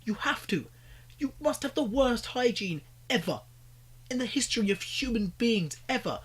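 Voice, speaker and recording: A man's voice: very high voice, animated, normal speed, breathy edge. A young British man giving exasperated, ranting reaction commentary, pleading with the people on screen. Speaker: commentary YouTuber.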